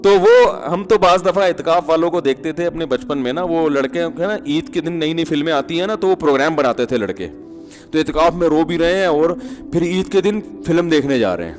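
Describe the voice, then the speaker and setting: A man's voice: on the high side, big pitch swings, long reverb tail, soft background music. A man giving a humorous, conversational sermon as an Islamic preacher, with chuckling asides.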